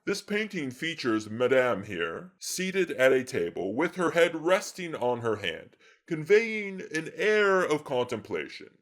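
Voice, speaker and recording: Lively, earnest male lecturer. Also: on the high side, measured pace, few pauses. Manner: earnest, slightly fussy lecturing. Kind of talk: comedic art lecture.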